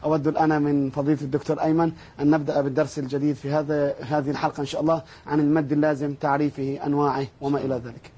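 Brisk host, man, mellow and husky. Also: a little high, little pitch movement. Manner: courteous, brisk, quick affirmations. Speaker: program host and moderator. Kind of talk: moderating a lesson.

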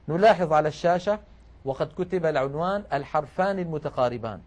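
A man's voice: a little high, a little mellow. A man teaching Quran rules with a raised voice. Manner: explains rules patiently, slows to recite examples. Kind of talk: tajweed lesson.

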